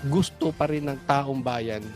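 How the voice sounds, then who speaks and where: A man's voice: medium pitch, a little slow, darkish tone, faint music behind. A man giving political reaction commentary, mocking and sarcastic, firing off rhetorical questions.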